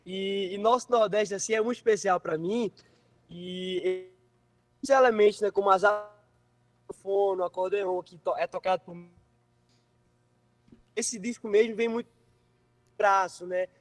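A high-voiced man chats about his music in a loose, rambling way. His voice reaches the show over a video call that keeps breaking up and cutting out. The call sound is distant, with a long, hollow reverb around it. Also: a little slow, long pauses. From Recife, Brazil. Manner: relaxed, rambling, repeats himself. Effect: video call audio breaking up and cutting out. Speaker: singer guest.

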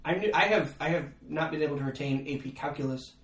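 A man's voice: a little high, quick pace, a bit bright, recorded from a distance. Self-mocking man telling stories in a roomy space. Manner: self-mocking, laughing storyteller. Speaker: podcast host. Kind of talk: casual storytelling chat.

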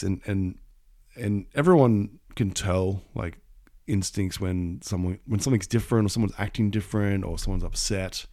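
A man hosting a solo podcast, his voice croaky from a cold with creaky starts, talking earnestly and haltingly. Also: deep voice, darkish tone, no room sound, clean studio sound. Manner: halting, repeats words, earnest. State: croaky from being sick. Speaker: podcast host.

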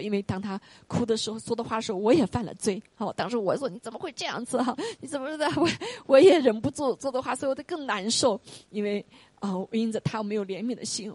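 A woman preaching an earnest, gentle sermon. She keeps asking the congregation rhetorical questions and often tags her points with the English word "right". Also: medium pitch, husky, no echo. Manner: earnest, gentle, pastoral delivery.

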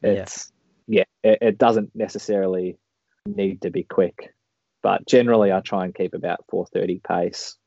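A very deep-voiced man chats casually in a rambling, laid-back way. His tone is gravelly and fairly flat. The audio is a dull, lo-fi call. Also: moderate pace, no room sound. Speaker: podcast guest, marathon runner. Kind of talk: casual interview chat.

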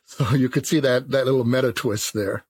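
A man in his fifties, from Jamaica, speaking as a philosopher in a thoughtful, measured interview. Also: mid-range voice, steady tone, darkish tone, breathy edge, no echo. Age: 50s. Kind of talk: reflective interview talk.

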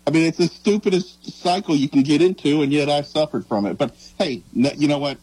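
A man talking casually on a sports show in an earnest, halting, reflective way. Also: fairly high pitch, darkish tone, breathy edge, dry recording, rough recording.

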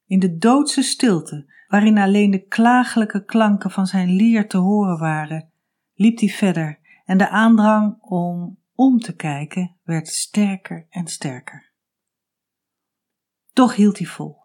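A woman telling a myth aloud, slow and deliberate, building tension toward dramatic moments. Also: medium pitch. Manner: expressive, slow and deliberate, rising to urgency at climaxes. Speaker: storyteller. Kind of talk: dramatic storytelling narration.

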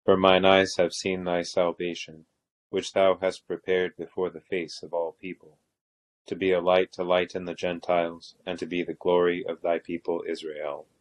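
A man leading evening prayer as officiant, reciting liturgy in a solemn, measured way. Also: low-pitched, monotone, rough recording.

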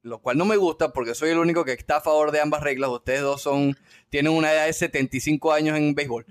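A man's voice: on the high side, fairly even intonation, fast. A man hosting a sports podcast in a casual, jokey and teasing style.

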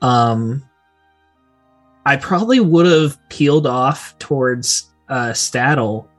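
A man's voice: mid-range voice, lively intonation, takes it slowly, fairly bright tone, soft background music. A man playing a tabletop game, casually describing what his character does.

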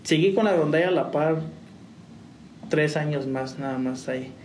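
A man's voice: a little high, moderate pace, darkish tone. A young man, a musician, telling his story in a rambling, casual way with restarts and laughs. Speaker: musician guest. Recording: roomy, distant, faint noise.

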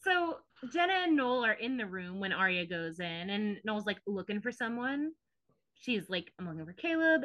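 A woman's voice: medium pitch, pushed and bright, no echo. A woman co-hosting a podcast, casually retelling scenes with lots of fillers. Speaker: podcast co-host. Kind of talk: casual recap chat. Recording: dull lo-fi podcast audio.

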